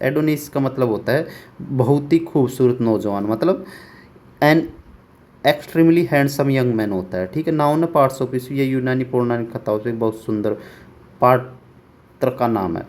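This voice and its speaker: A man teaching English vocabulary for exams, repeating words slowly and asking rhetorical questions. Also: mid-range voice, darkish tone. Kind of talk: exam-prep vocabulary lesson.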